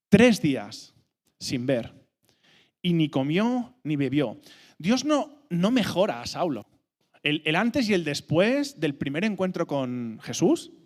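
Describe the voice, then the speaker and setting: A man from delivers a sermon with a lively, swinging pitch. He slows down deliberately to lean on each scripture line. His voice carries a long reverb from the church hall around him. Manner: animated, slows down for emphasis when reading scripture. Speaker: preacher.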